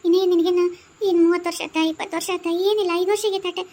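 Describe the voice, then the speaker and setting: Woman playing a cartoon elder woman, firm and consoling, North Karnataka accent, high voice, quick talk. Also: level tone, darkish tone. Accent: North Karnataka Kannada. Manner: firm, soothing counsel.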